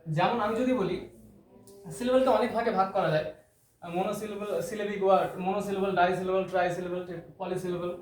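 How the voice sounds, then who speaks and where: In an echoey, faintly noisy room, a man gives a classroom-style grammar explanation at an unhurried pace. His high-pitched voice stays steady as he explains terms step by step, repeats key words and asks rhetorical questions.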